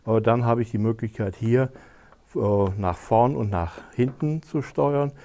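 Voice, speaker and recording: A man's voice: mid-range voice, measured pace, mellow. A man hosting a tech advice show, casually demonstrating a gadget step by step with frequent hesitation fillers.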